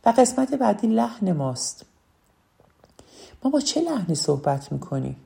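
A woman's voice: medium pitch, sing-song, creaky, mellow. A woman giving a spoken lesson on public speaking, emphatic and repeating key phrases.

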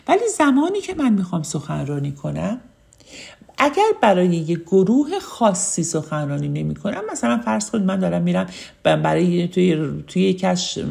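A woman's voice: lowish voice, gravelly, darkish tone. A woman teaching an online lesson on public speaking in a friendly, chatty way, with fillers and frequent laughs. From Ramsar, Iran.

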